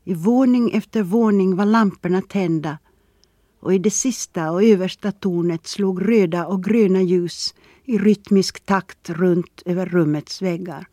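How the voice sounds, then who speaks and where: An audiobook narrator reads fiction in scripted narration, keeping an even, steady delivery at a mid pitch for the voice. The recording is close and dry, with no room sound behind it.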